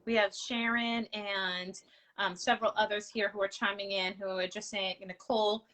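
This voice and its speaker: A woman's voice: mid-range voice, little pitch movement, normal speed, sharp tone, poor audio. A woman hosting an interview, enthusiastic and affirming, with many fillers like um and you know. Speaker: host. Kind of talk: interview conversation.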